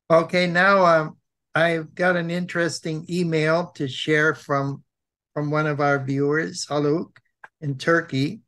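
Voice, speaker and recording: An older American man co-hosting a web program, presenting informally and reading aloud, hesitant and repeating himself, with a thick, sore-throat voice and frequent throat clearing. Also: on the high side, flat delivery, fairly bright tone. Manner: halting, hesitant, with many pauses and repeats.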